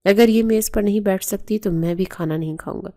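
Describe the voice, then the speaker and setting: A woman voicing a young husband who speaks firmly and gently in a storybook reading, close to her own mellow voice. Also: mid-range voice, close to an everyday voice. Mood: stern. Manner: firm, then gentle. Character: young man, stern husband who softens.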